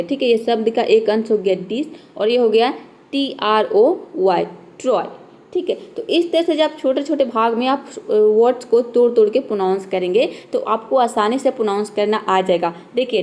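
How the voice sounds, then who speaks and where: A woman's voice: on the high side, darkish tone. A young woman, patiently explaining English words to viewers in a recorded lesson, spelling them out and repeating herself often. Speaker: English teacher.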